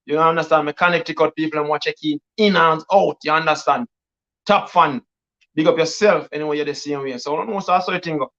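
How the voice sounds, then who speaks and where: This Jamaican man hosts a live stream as a DJ, rattling off patois-laced shout-outs and hype. His voice sits a touch high for a man, and the stream audio sounds dull and lo-fi. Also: fast. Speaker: DJ and livestream host. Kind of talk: casual live-stream chat.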